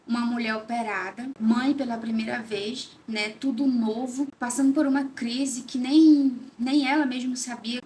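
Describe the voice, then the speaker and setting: A woman's voice: a little high, a little hiss or hum. Earnest woman confiding to viewers. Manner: earnest, confiding, often addresses viewers as "gente". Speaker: vlogger. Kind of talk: personal storytelling vlog.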